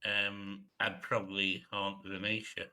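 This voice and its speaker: A man's voice: fairly low pitch, completely flat delivery, unhurried, sharp tone. A man co-hosting a racing podcast, chatting casually with blunt, sweary humour. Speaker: podcast co-host. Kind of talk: casual chat.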